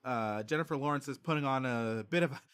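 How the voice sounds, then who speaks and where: A man's voice: mid-range voice, quick pace, a bit bright, clear, resonant tone. A man hosting a podcast, chatting casually with lots of fillers and frequent laughter. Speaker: podcast host. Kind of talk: casual chat.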